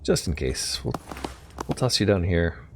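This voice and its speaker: A man's voice: deep voice, big pitch swings, a little slow, fairly bright tone, slight background noise. A man giving casual gameplay commentary, thinking aloud tentatively as he plays. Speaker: gamer narrating own play.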